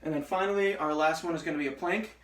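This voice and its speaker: Male workout instructor, a touch high, calm step-by-step cues, a bit breathless, distant mic in an echoey room. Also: fast talker. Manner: cueing exercises step by step, encouraging. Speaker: fitness instructor. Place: room at home with a ceiling fan.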